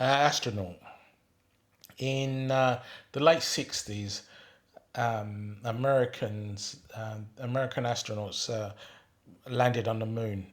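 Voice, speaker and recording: An Englishman in his sixties reminisces about his life in an unhurried monologue, reading out questions as he goes. He often hesitates, filling pauses with ums and going back to rephrase, and his mid-range voice sits in an ordinary male register.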